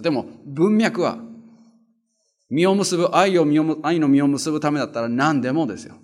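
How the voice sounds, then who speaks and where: A man giving a sermon, reading Bible verses and explaining them in a casual way, with rhetorical questions and emphatic endings. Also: on the high side. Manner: reads verses louder, drops to soft quiet asides. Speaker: pastor.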